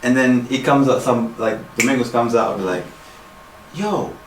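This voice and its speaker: A man's voice: medium pitch, a little slow, recorded from a distance, slight background noise. A man co-hosting a podcast, rambling in loose street slang and acting out quoted lines. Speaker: podcast co-host. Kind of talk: casual chat. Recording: echoey room, set back from the mic.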